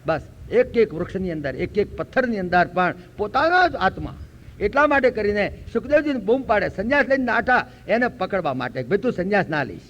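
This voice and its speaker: An older man from Gujarat giving a spiritual lecture, telling stories and slowly chanting verses. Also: high voice, sing-song, a bit bright, slight background noise. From Gujarat, India. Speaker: preacher. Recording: dull lo-fi recording.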